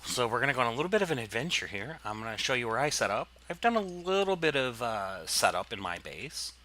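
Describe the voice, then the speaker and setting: A let's play host rambles through casual commentary on his gameplay, explaining as he goes and using plenty of fillers. His mid-range voice is very animated, fast and sharp, with a slight hiss or hum in the audio.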